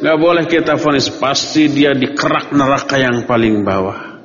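A man's voice: mid-range voice, moderate pace, fairly bright tone, slight background noise. A man giving a religious lecture, asking questions and answering them himself, mixing casual phrasing with Arabic recitation. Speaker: Islamic preacher. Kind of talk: sermon-style religious lecture. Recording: echoey hall, dull lo-fi sound.

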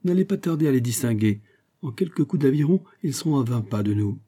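A man's voice: medium pitch, lively intonation, quick pace, warm tone, breathy edge, pitched above the performer's own voice. A man reading a classic novel aloud, voicing a timid, plain-spoken river boatman with a deferential manner.

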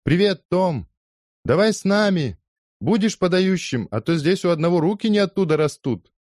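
A male reader's raised, pushed-up voice for a bold young street girl, cocky and quarrelsome, tossing back quick retorts in an audiobook. She bosses the boys around and never backs down. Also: mid-range voice, sing-song, mellow, no room sound, studio quality, pitched above the performer's own voice. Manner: bossy, quarrelsome, quick comebacks. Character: brash cheeky young London working girl.

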